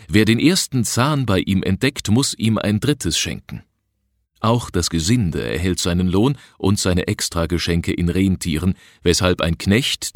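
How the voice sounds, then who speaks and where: A male narrator reading an adventure story aloud in a very low, deep voice. His delivery is even and measured. The recording is dry and close, with no room echo. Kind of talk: audiobook reading of a travel adventure.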